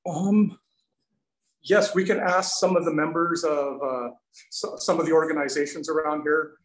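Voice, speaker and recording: A canoe maker in his forties presents from an indoor studio with windows, answering audience questions over a webcam video call in an earnest, thankful way, with some restarts. His voice is a little high, with fairly even intonation and a moderate pace. The casual Q&A audio sounds roomy and echoey.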